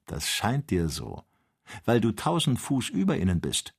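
A man reading the part of a calm, careful male doctor who leads an expedition, speaking in a measured, instructive way. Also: on the low side, gravelly, slightly rough, exaggerated voice. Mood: earnest.

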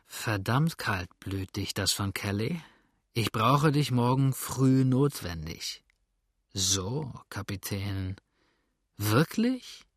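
A man voicing a drunken, boastful young dandy who slurs his words slowly and swoops up high, tossing in French phrases. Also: very animated, no echo, studio quality. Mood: drunken mocking. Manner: slow slurred speech with wild high swoops, sprinkles French. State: drunk, slurring. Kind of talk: audiobook character voice.

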